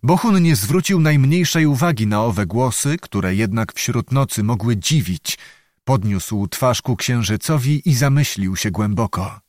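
A male audiobook narrator telling a historical tale in a measured, steady way. His voice sits at an ordinary middle pitch, recorded close and dry with no room sound. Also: dry recording.

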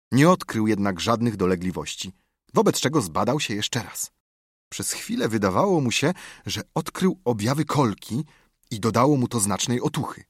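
A man reads a storybook aloud in a lively, rising-and-falling voice with a husky edge. The recording is close and dry, with no room sound. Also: lowish voice, no echo. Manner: expressive storytelling. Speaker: audiobook narrator. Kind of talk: scripted narration.

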